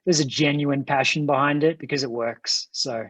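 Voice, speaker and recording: A man's voice: a little high, fairly even intonation, normal speed, a bit bright, dry recording. A man with a non-American English accent, a company executive answering interview questions over a video call, earnest and enthusiastic, often restarting his words. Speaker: franchise company executive, guest.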